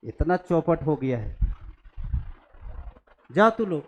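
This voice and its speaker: High-voiced scolding male maths teacher. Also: big pitch swings, takes it slowly, darkish tone. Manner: scolding, blunt, mixes English maths terms. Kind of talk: classroom lecture, scolding students. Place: classroom.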